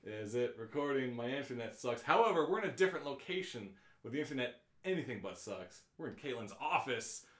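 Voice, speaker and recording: In a roomy, echoey office, a man hosts a casual, unrehearsed live show, talking and reading aloud in a rambling, self-interrupting, jokey way. His medium-pitched, slightly bright voice swings widely in pitch, and he speaks briskly with few pauses.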